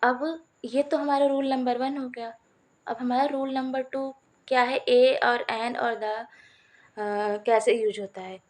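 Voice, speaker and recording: A woman teaching a grammar lesson with a slightly high voice. She goes step by step, repeats her examples and poses questions only to answer them herself. She speaks warmly to her viewers as friends. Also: steady tone, takes it slowly. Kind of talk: Hindi-language grammar lesson.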